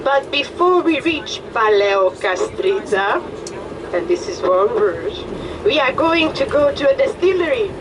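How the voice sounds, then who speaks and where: A woman with a Hungarian accent, a tour guide giving chatty, joking commentary on a coach, her voice a little hoarse. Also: a little high, very animated, unhurried. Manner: friendly, chatty, joking with the group. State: slightly hoarse. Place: tour bus. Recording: distant voice with vehicle noise.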